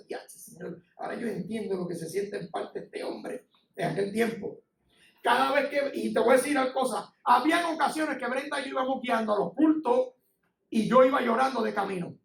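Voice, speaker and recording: A man's voice: very high-pitched, creaky. A middle-aged man with a Puerto Rican accent, preaching a sermon in an impassioned, conversational way, sharing personal testimony. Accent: Puerto Rican Spanish. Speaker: pastor. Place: church sanctuary. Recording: echoey church, from far off.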